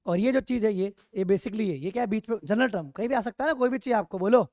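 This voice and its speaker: A male math teacher lecturing a class, animated and constantly checking in with rhetorical questions. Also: high-pitched, fast, no echo, studio quality. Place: classroom with online students.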